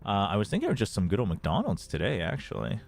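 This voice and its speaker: Over soft background music, a man with a lowish, vocal-fry voice talks fast, his pitch swooping wildly, as he streams a watch party and chats casually with viewers. He laughs often and switches into Korean, which he speaks with a slight non-native accent.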